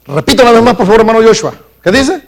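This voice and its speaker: A man with a notably high voice preaches to his congregation in a church sanctuary. He leans on key words, drawing them out for emphasis. He keeps turning to the listeners with questions. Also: animated, fast. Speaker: pastor. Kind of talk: live sermon.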